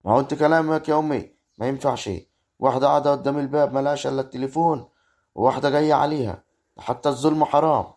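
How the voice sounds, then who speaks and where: A man as a young Egyptian village husband, talking at breakneck speed and exasperated with his mother. His voice is mid-pitched, in a homemade web drama. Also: steady tone, very fast, darkish tone, close to an everyday voice. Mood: arguing. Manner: exasperated, arguing. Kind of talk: amateur rural family drama acting.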